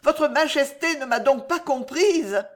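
A woman voicing a young female spy who pleads and cries out in a high, imploring voice. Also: lively intonation, measured pace. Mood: pleading.

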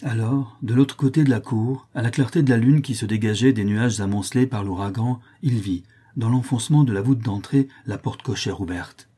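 A man's voice: medium pitch, normal speed, few pauses, dark tone, slightly rough. A man narrating a classic novel as an audiobook in a dramatic storytelling manner.

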